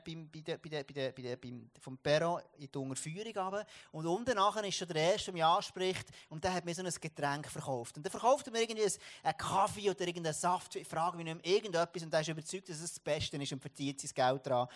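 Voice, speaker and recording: A man with a Swiss German accent preaching a sermon, telling an everyday story and often restarting his words. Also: on the high side.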